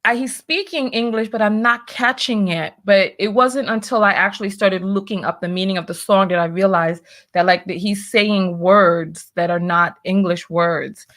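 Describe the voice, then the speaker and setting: A woman's voice: medium pitch, steady tone, moderate pace, few pauses, fairly bright tone. A woman hosting a casual chat, teasing and playful. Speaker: host. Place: home room with a printer.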